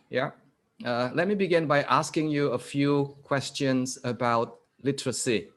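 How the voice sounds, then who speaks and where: Man, guest lecturer, interactive online lecture, video call mic, middle pitch, quizzes the audience, slow repeated statements.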